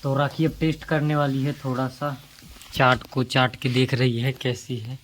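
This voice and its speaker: A man's voice: medium pitch, little pitch movement, normal speed, slight background noise. A man vlogging at home while his sisters cook, chatty and teasing as he gives orders. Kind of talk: casual vlog narration.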